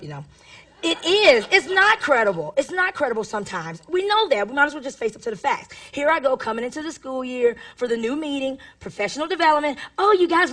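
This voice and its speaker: A woman's voice: high-pitched, fairly bright tone, distant mic. A woman teacher giving a playful, theatrical stage talk, firing rhetorical questions at the audience. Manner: call-and-response questions to the audience. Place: stage at a live talk event.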